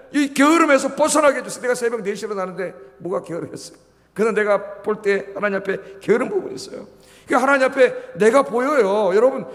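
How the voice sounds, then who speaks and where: A middle-aged male pastor preaching at a Friday prayer service, exhorting his congregation with rhetorical questions and prompting them for answers. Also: sits high. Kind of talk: sermon. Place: church sanctuary. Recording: long hall reverb.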